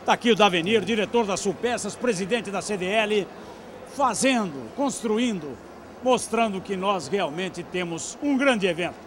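A man's voice: high-pitched, animated, moderate pace, slight background noise. A man, a TV interviewer who keeps chiming in to affirm his guest. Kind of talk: outdoor event interview. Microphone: handheld mic.

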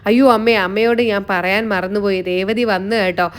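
A woman's voice: mid-range voice, fairly even intonation, moderate pace, smooth, natural voice. Brief: shy, earnest young husband in a retold serial, read plainly by a woman narrator.

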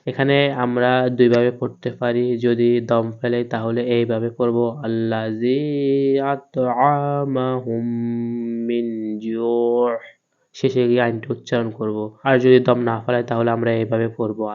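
A man teaching Quran recitation, spelling out each letter patiently and chanting the verses slowly. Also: mid-range voice, completely flat delivery, smooth, phone-quality sound.

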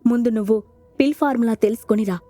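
A woman's voice: fairly high pitch, fast, warm tone, no echo, soft background music, natural voice. A woman voicing a blunt man who gets exasperated, in an audio storybook. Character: blunt, confused man, a fighter.

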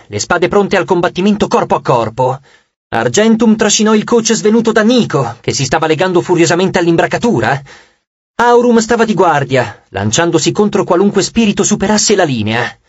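A man's voice: high-pitched, slightly rough, no room sound, muffled recording. A man narrating an audiobook with dramatic, scripted storytelling.

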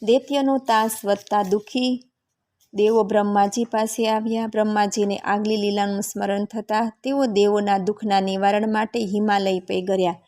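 A woman narrating a scripture story in a measured, scripted reading. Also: medium pitch, little pitch movement, a little mellow.

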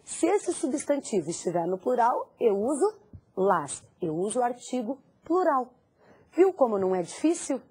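A woman's voice: a little high, big pitch swings, normal speed, mellow, slightly rough. A woman teacher giving a recorded language lesson, putting questions to the student and answering them herself. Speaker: Spanish teacher.

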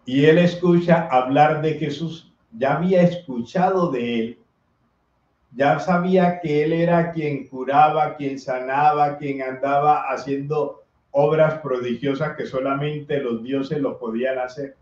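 A priest reads the gospel and gives a homily, speaking earnestly and sometimes shouting out the voices of people in the story. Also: male voice, fairly even intonation. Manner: slow, earnest preaching that acts out voices from the story in a high, loud shout. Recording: echoey, slightly dull recording.

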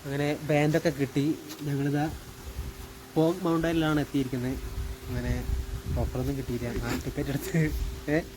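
A man's voice: flat delivery, normal speed, long pauses. A man with a Kerala Malayalam accent chats casually for a vlog, mixing some English words into his Malayalam. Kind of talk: casual chat and vlog commentary. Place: on the road and outdoors at a park. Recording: noisy outdoor sound with vehicle rumble.

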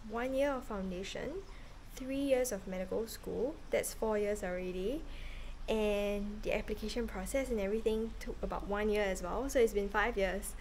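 A woman's voice: mid-range voice, low-quality recording. Woman in her thirties from Singapore, casual earnest vlog, arm's-length camera, faint outdoor hum behind. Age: 30s. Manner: chatty, earnest, with many fillers. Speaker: vlogger, medical student. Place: porch of a house, outdoors. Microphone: camera held at arm's length.

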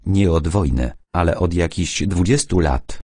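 A man reading an audiobook, voicing a bearded, eccentric older man who dowses for treasure and speaks in a deep, solemn rumble. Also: a little slow, warm tone, slightly rough, no room sound, clean studio sound, full character voice.

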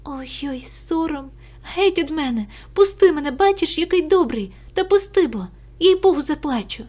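An anxious young village girl pleads and frets in a high, lifting voice, as a woman reader brings her to life. She rushes from question to question, impulsive and worried. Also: animated, warm tone. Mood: pleading, anxious.

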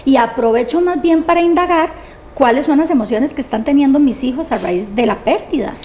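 A woman, a guest expert on grief, answering interview questions in a calm, measured way and often checking in with a tag question. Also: sits high, a little hiss or hum. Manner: calm, measured, often ends points with "¿verdad?".

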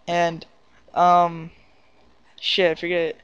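A man's voice: high-pitched, steady tone, normal speed, fairly bright tone, smooth, dry recording, highs cut off. A man casually telling a rambling story, full of fillers and restarts, hosting his own video. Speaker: video host recounting a prank.

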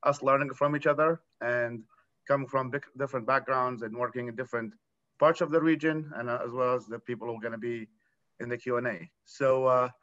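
A man in his thirties from Iraq speaking as a panelist on a video call, earnest and halting with restarts. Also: mid-range voice, fairly even intonation, fairly bright tone. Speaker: panelist, nonprofit founder. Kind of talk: conference panel talk. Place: room at home. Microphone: laptop webcam on video call. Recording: dull lo-fi video call audio.

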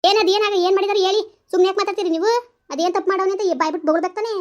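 A woman's voice: very high voice, steady tone, rapid-fire, lo-fi sound. A woman voicing a young village wife who sharply defends her husband. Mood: indignant. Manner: sharp, indignant questioning.

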